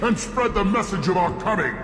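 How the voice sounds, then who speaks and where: An actor playing a boastful, vengeful alien clan warrior in a video game, with bombastic, hammy theatrical delivery. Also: male voice, sits high, expressive, fairly quick, a bit bright. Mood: menacing, proud. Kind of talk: hammy villain speech in a sci-fi video game. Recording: echoey hall reverb, game music behind.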